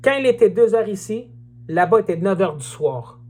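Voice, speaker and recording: An earnest evangelist speaks in an informal livestream testimony. The voice sits mid-pitch, and the delivery is repetitive. Messages are read aloud slowly. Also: lively intonation, a little mellow. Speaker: online evangelist.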